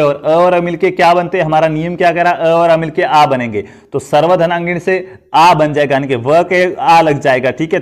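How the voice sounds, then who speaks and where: A man teaching an online exam-prep lesson at a board, who asks questions and answers them himself and calls his students friends. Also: a little high.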